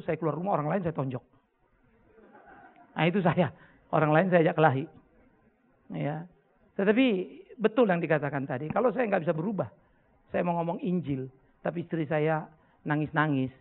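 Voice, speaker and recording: Gravelly high-voiced pastor. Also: male voice. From North Sumatra, Indonesia. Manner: blunt, joking storyteller, swings between loud outbursts and quiet confession. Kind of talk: sermon with audience Q&A. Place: church hall before a congregation. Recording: tinny lo-fi phone-like recording.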